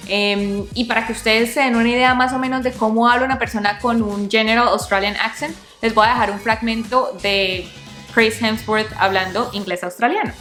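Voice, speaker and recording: A young woman from Cali, Colombia, with a Colombian accent, hosting a casual explainer vlog in a lively, chatty way. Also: a little high, normal speed, soft background music. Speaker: vlog host teaching about accents.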